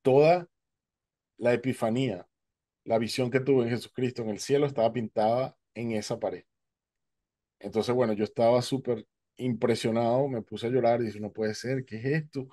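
A man's voice: medium pitch, normal speed. Man telling a personal testimony. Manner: conversational, uses fillers like "eh" and "este"; animated when quoting others. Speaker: speaker sharing a near-death testimony. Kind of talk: personal storytelling talk.

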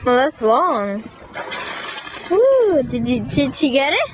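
A woman filming dogs by a lakeshore, cheering them on excitedly and calling out instructions. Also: sits high, slow. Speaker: person filming dogs at a lake. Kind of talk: casual home video chat. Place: lakeshore outdoors. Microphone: camcorder mic. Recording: noisy outdoor camcorder audio.

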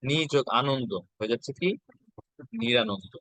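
A man's voice: medium pitch, big pitch swings, moderate pace, vocal fry, pushed and bright, dry recording, poor audio. A male teacher, giving an exam-prep lesson and patiently repeating each step.

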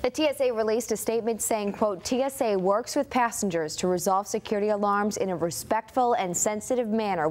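A woman news anchor in her thirties with an American accent, reading scripted news. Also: medium pitch. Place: TV studio.

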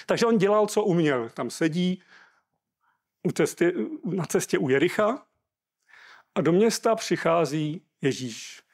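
A man's voice: sits high, animated, pauses often. A Czech man preaching a sermon, reading scripture aloud and explaining it earnestly.

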